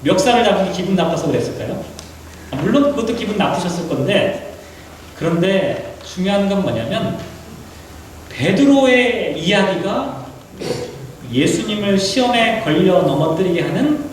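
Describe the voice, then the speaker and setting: Brief: man, pastor, lively sermon delivery, voice sits high, very echoey hall, distant mic. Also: normal speed. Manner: animated, rhetorical questions, vivid retelling. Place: church sanctuary. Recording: echoey hall, mic from afar, faint hiss.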